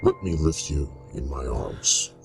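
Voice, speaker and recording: A mournful man-made monster with an extremely deep voice. He speaks slowly and solemnly in theatrical, archaic phrases, full of weary tenderness, as in a horror audio drama. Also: vocal fry, over music, full character voice. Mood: weary sorrow. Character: sorrowful monstrous man-made creature, weary, tender toward his creator.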